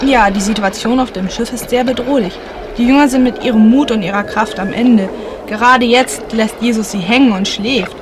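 A woman's voice: on the high side, moderate pace, close to an everyday voice. A woman playing a patient, knowing storyteller who explains things in a children's radio play. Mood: reassuring, serious. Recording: clear storm noise behind narration.

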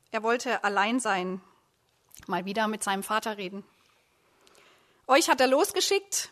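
A woman's voice: a little high, a bit bright. A woman preaching a sermon, retelling a Bible story dramatically in second person to her listeners. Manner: dramatic, addressing listeners directly. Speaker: preacher, discipleship program leader.

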